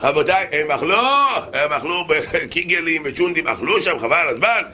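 A man preaching a humorous sermon, telling anecdotes in an animated way with many repetitions. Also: on the high side.

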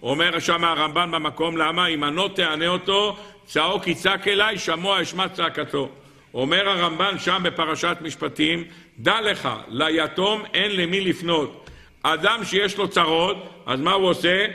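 A man preaching a religious sermon, asking his listeners questions and chanting scripture verses slowly. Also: fairly high pitch, bright, forceful tone. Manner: asks the audience questions and answers them, chants verses slowly. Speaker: rabbi giving a Torah lesson.

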